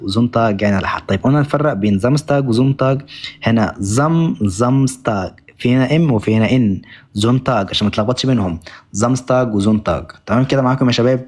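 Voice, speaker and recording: A young Egyptian man teaching German on a live stream, repeating each word over and over and thanking viewers often. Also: medium pitch. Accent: Egyptian Arabic. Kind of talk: live-stream language lesson.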